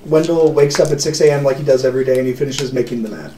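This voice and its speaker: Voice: medium pitch, racing, warm tone, echoey room, a little hiss or hum. A tabletop game player chatting playfully, giggling and trailing off mid-sentence. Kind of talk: casual game chat.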